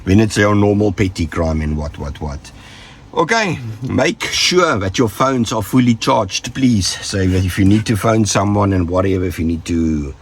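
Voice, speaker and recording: His voice is low and rough from the flu, and there's a little background noise. The South African vlogger jokes his way through casual safety tips for viewers, wandering off on trailing tangents.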